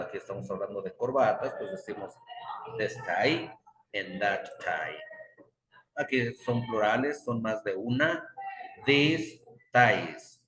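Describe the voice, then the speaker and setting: Slow low-voiced male teacher, echoey room. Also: a bit bright. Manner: repeats example words again and again, patient drilling; stops to correct himself. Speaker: English teacher. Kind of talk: classroom grammar explanation. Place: classroom with students. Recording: roomy classroom echo.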